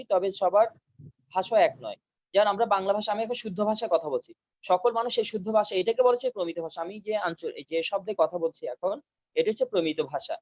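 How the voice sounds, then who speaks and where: A high-pitched man lectures his students over a video call and repeats each key term slowly so they can write it down. The sound is dry and a little dull, like online call audio. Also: a little mellow, dry recording. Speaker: teacher. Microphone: video call mic.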